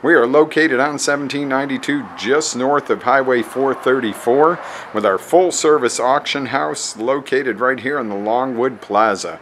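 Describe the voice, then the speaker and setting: A man hosting a promotional walkthrough of an auction showroom, making an upbeat sales pitch and repeating times and addresses, recorded on a handheld camera mic while he walks around. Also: moderate pace, a bit bright, slight background noise. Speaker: auction house host.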